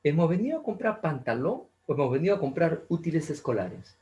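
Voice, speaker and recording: A man voicing a stern mother who scolds her child in sharp, clipped, reproachful lines. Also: fairly high pitch, big pitch swings, fairly quick, highs cut off, voice pushed up. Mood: scolding. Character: stern scolding mother, middle-aged woman.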